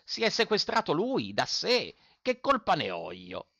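Man doing a high, shrill furious landowner, lively and shouty, storybook figure. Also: measured pace, vocal fry, dry recording, dull audio, full character voice. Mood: indignant. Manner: shouting, indignant, exclaiming. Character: hot-tempered stingy male landowner, middle-aged.

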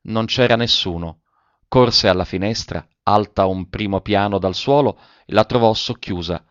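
Low-voiced male audiobook narrator. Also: normal speed, no room sound, lo-fi sound. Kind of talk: scripted literary narration.

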